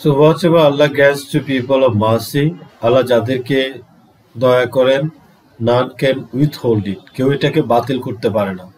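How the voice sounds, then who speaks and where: A man with a Bangladeshi accent gives a vocabulary lesson at a very slow, patient pace. He drags out each word and repeats it for his students. His voice sits at a middling pitch, with a faint hiss in the background. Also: a little mellow, poor audio. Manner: drawn-out pronunciation drills, repeating words. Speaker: English teacher.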